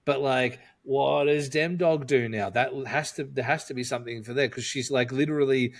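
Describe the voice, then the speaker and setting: A man's voice: mid-range voice, moderate pace. Chatty man co-hosting a podcast. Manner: chatty and jokey, thinking aloud with frequent fillers. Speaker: podcast co-host. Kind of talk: casual podcast chat.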